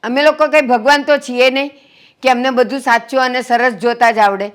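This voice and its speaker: A woman's voice: medium pitch, a little slow, close to an everyday voice. A woman playing an older mother who heads the family, making peace and lecturing earnestly. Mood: stern scolding. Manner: earnest, scolding when roused. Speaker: family matriarch. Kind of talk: family drama acting.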